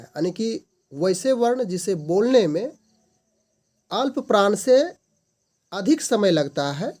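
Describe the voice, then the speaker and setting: A man's voice: sits high, a little mellow. A man teaching a grammar lesson as the host of his channel, stating each definition and then restating it in simpler words.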